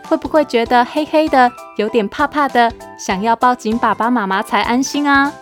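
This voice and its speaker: A woman host reading a picture book aloud to children, in a gentle, coaxing manner. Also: fairly high pitch. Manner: gentle, coaxing, addressing kids.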